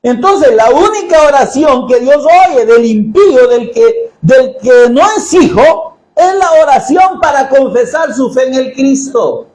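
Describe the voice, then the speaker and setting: A man preaching a sermon in a church, jokey and animated, often asking the congregation questions. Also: very high-pitched, unhurried, hardly any pauses, echoey room, rough recording.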